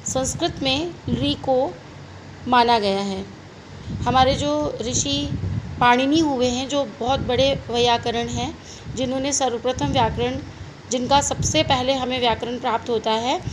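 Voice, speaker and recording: Slow, high-voiced woman teacher. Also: noisy background. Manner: asks questions and answers them herself, repeats terms slowly. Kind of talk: classroom grammar lesson.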